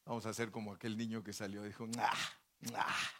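A man's voice: lowish voice, little pitch movement, rapid-fire. A male pastor preaching a sermon in a folksy, joking way, full of rhetorical questions and asides to the congregation.

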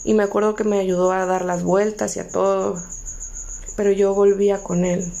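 A young woman with a Mexican accent tells her own story in a low, mellow voice with a gravelly edge. She keeps her pitch fairly flat and talks candidly, as if confiding in a friend, and repeats each conversation word for word. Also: normal speed. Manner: candid, conversational, reports dialogue directly. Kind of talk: personal storytelling.

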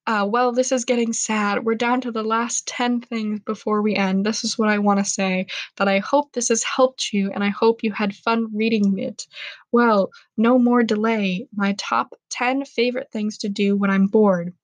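A woman's voice: mid-range voice, fairly even intonation, normal speed, dry recording, rough recording. A young woman reading her own book aloud, telling it dramatically and stopping now and then to comment on it with amusement. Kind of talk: casual reading aloud with asides.

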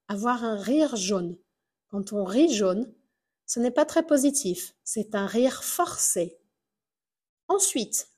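A woman's voice: medium pitch, darkish tone, breathy edge. A woman hosting a language lesson podcast as a teacher. She speaks carefully and repeats words for listeners to copy. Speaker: French teacher and podcast host.

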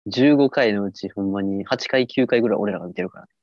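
A man with a Kansai accent co-hosting a casual comedy podcast, teasing his partner with quick comebacks. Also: lowish voice, no room sound, highs cut off. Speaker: podcast co-host.

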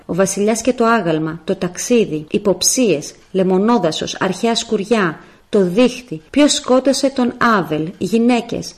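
A woman correspondent reading a scripted tribute narration, measured and steady through lists of titles. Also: mid-range voice. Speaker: radio correspondent.

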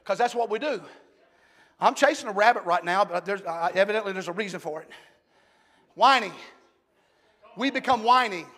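A man preaching a Pentecostal sermon as pastor, swinging from hushed talk to shouted preaching. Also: high voice, fast. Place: large church sanctuary. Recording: long hall reverb.

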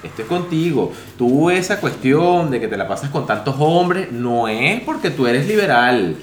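A man's voice: mid-range voice, very animated, moderate pace, a little hiss or hum. A man co-hosting a casual podcast, swinging between teasing jokes and earnest advice. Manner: joking, then earnest advice-giving. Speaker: podcast co-host. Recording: echoey room.

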